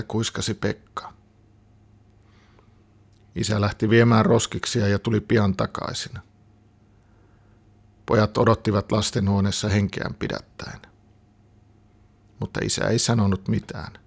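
A man calmly reading a children's story aloud. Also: lowish voice, vocal fry, long pauses, husky.

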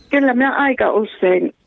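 A woman's voice: sits high, creaky. A woman with a Savo Finnish accent, a guest in a radio interview, talking earnestly and laughing often. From Savo, Finland. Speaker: guest, evangelist and prayer line volunteer. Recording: tinny phone line, dry.

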